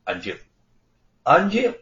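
A man voicing a stern, shrewd prefect judge in an audiobook story, with a measured official cadence and booming pronouncements. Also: huge pitch swings, exaggerated voice. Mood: stern, mocking. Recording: roomy, slightly dull recording.

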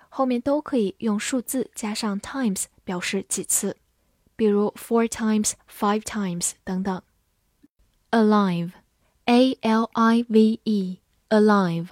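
Lady teaching english words, reads sentences real slow, dry close sound. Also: mid-range voice, a little mellow, no echo. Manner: spells words letter by letter, reads example sentences slowly. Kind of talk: scripted vocabulary lesson.

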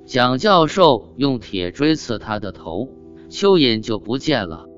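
A man narrating a folk ghost story in a calm, even storytelling voice. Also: mid-range voice, unhurried. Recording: dull lo-fi audio with faint guitar.

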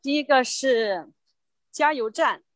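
Very slow, high-voiced woman student. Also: expressive, a crowd in the background. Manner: halting, hesitant learner repeating words. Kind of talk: repeating vocabulary in a lesson.

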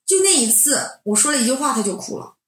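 A woman in her twenties, a doctoral student, telling a candid personal story in an animated, sometimes heated way. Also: sits high, quick pace. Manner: animated, heated, then reflective. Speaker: doctoral student recounting mentoring. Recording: roomy echo.

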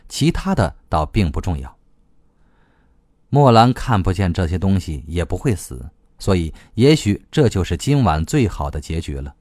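A man narrating a novel as an audiobook, reading in a lively, expressive way. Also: sits low, no echo, clean studio sound.

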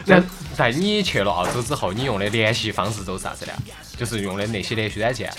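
A man's voice: lowish voice, lively intonation, quick pace, over music. A man with a Sichuan accent hosting a casual chat in a teasing, bantering way.

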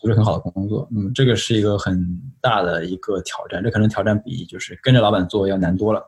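Fast-talking low-voiced man from Shanghai. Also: steady tone, a little mellow. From Shanghai, China. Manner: reflective, explains at length with many fillers. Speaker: interview guest, AI researcher. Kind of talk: casual podcast interview.

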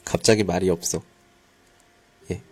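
This man sits low in pitch, with a steady, darkish tone and a slightly slow delivery. He is a Korean teacher running a live conversational class online, blending in Mandarin words and murmuring quick acknowledgments as learners talk.

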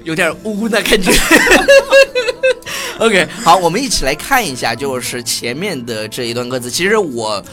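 A man's voice: a little high, huge pitch swings, a little slow, sharp tone, soft background music. A man hosting a casual lesson chat, playful and laughing often as he repeats phrases after his partner. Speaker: host.

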